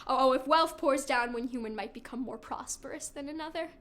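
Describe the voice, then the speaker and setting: Woman acting a high, bright tragic messenger, classical stage. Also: brisk. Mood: grave, bitter. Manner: theatrical delivery, swinging from hushed to loud. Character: anguished household slave messenger recounting horror. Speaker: actor performing an audition-style monologue.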